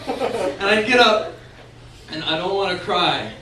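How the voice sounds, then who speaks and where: A young man from Texas telling a funny personal story on stage at a bar, animated and laughing as he goes. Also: high-pitched, measured pace. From San Antonio, Texas. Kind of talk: comic personal story told live. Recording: echoey room recording from far off, noisy.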